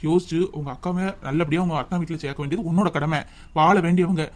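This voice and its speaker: A man playing an earnest young husband in a home drama, talking fast in a high voice, urging and advising with steady concern. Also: close to an everyday voice. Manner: urgent, advising. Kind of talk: family drama skit.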